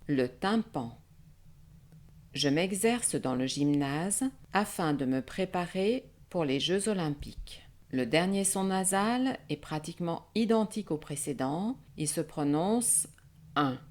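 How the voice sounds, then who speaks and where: A woman teaching French nasal vowels, saying words slowly and breaking them into syllables. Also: sits low, a little mellow. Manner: slow, deliberate, syllable by syllable. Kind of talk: slow pronunciation drill.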